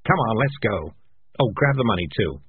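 A man's voice: fairly low pitch, lively intonation, normal speed, breathy edge, no room sound. Morris, a man voicing a sly talking cat. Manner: quiet, dry, calculating. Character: sly, calm, scheming male talking cat. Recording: narrow phone-like audio.

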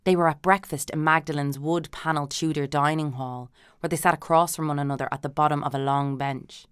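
A woman reading a literary novel aloud as an audiobook narrator, in a measured, dry manner with light character voices. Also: sits low, fairly even intonation, clean tone, no room sound.

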